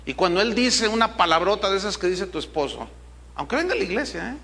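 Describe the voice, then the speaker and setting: High, bright-voiced preacher. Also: male voice, big pitch swings, fast talker. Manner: emphatic, full of rhetorical questions. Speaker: pastor. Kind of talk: sermon.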